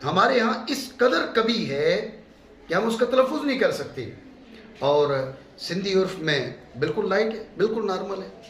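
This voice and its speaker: A middle-aged man from Pakistan teaches a class of students, emphatic and repetitive, often pausing to check that they follow. His voice sits high for a man. The room is echoey, with a faint hum underneath. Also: lively intonation, fairly bright tone. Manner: emphatic, repeats key terms and checks with "ٹھیک ہے؟". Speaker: mufti teaching a course. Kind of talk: classroom lecture.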